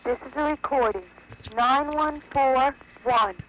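A woman's formal, polite phone announcement, played from an old, worn tape. Her voice is high and measured. The sound is muffled, with a faint hiss underneath. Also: a bit bright. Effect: old recorded phone announcement on worn tape. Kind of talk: scripted telephone intercept message. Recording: dull, hissy old phone recording.

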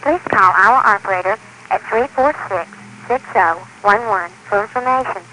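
A woman's recorded phone announcement, read in a formal, measured way, with words and digits spliced together. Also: mid-range voice, bright, forceful tone. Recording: noisy old tape over a phone line.

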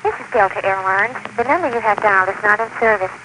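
A woman's recorded phone announcement, read in a formal, measured way, with words and digits spliced together. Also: mid-range voice. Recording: noisy old tape over a phone line.

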